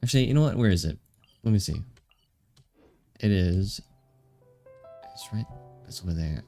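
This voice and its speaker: A live streamer with a deep, mellow voice plays a game casually, reading out dialogue and commenting. His delivery is playful and rambling, and he murmurs to himself.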